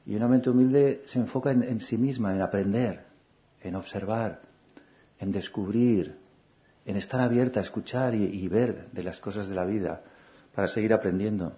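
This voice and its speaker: A man giving a calm, reflective spiritual talk, repeating phrases and asking gentle questions. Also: fairly low pitch, moderate pace. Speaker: spiritual teacher. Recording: dull lo-fi recording.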